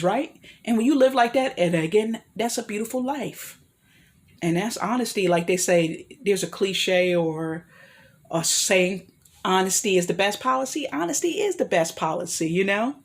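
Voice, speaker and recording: A woman vlogger giving an earnest motivational talk, rambling with frequent restarts and apologies. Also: medium pitch. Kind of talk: motivational personal talk to camera.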